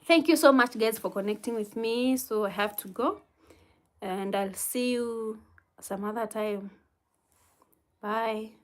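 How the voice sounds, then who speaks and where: With a voice that's a little high, a Kenyan-accented woman runs a casual livestream. She reads what viewers write and gives soft-spoken, unhurried advice, chuckling gently.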